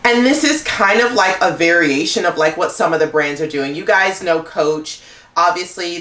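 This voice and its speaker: Chatty low-voiced woman in echoey room. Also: fairly bright tone. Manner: chatty, many "like" fillers. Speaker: luxury handbag YouTuber. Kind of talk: casual chat to camera.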